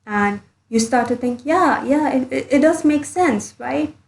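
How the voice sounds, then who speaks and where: A woman's voice: high voice, expressive, unhurried, vocal fry, echoey room. A woman doing a blunt, earnest commentary monologue as a YouTuber, recording under a blanket. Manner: blunt, earnest, a bit sweary.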